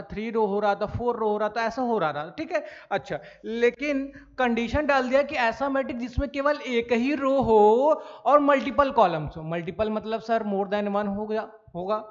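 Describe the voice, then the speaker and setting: A man teaching a maths lesson, asking and answering his own questions and often repeating key points. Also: very high voice. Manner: calls students "sir", "bhai". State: coughing now and then. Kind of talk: classroom lecture. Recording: dull lo-fi recording.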